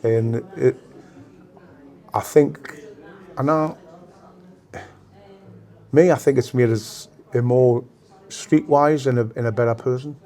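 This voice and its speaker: An older man from Newcastle with a Geordie accent, reminiscing in an interview in a halting, repetitive way. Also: mid-range voice, fairly even intonation, dark tone. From Newcastle, England. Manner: halting, repeats phrases. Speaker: former gang member being interviewed.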